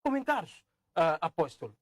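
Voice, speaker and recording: A man moderating a religious debate and putting halting questions to the guests. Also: a little high, big pitch swings, dry recording. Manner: frequent short acknowledgments, halting questions.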